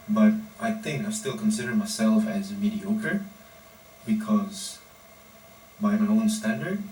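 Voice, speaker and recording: A man, a powerlifting coach giving a measured, deliberate personal monologue in short phrases. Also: on the low side, a little mellow. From Indonesia. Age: 20s. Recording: roomy echo, distant mic, faint background noise.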